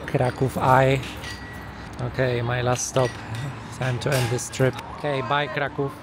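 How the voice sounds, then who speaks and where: This man speaks in a mid-range, level voice at a measured pace while vlogging outdoors through a city's market and old town, with music in the background. A chatty travel vlogger, he jokes around and is quick to be impressed in his casual commentary, picked up by a small handheld camera mic.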